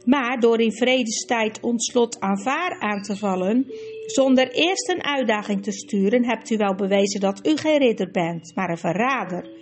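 A woman's voice: on the high side, normal speed, faint music behind, close to an everyday voice. A woman doing a stern, formal old king. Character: stern dignified older king, formal and measured.

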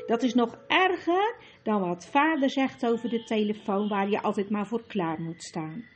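A woman's voice: fairly high pitch, animated, normal speed, a little hiss or hum, close to an everyday voice. A woman doing a touchy, hot-headed boy. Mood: wry. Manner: impatient, sharp. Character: touchy, quick-tempered boy.

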